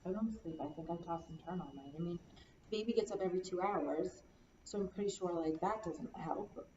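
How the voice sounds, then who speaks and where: A woman playing a counseling client, talking in a halting, weary, despondent way and repeating herself. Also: fairly low pitch, mellow. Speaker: role-play client in a counseling practice session. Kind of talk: acted counseling role-play. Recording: echoey room, distant dull mic, faint hiss.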